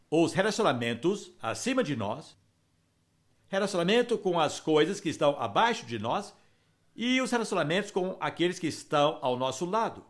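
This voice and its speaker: Male Bible teacher, somewhat high voice, very animated delivery, emphatic. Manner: emphatic, explanatory.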